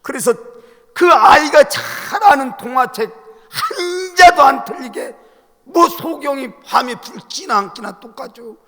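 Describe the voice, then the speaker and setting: A male senior pastor delivering a Sunday sermon in a church sanctuary, preaching emphatically and swelling into loud calls to the congregation. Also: very high voice, expressive, measured pace. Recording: long reverb of a church hall.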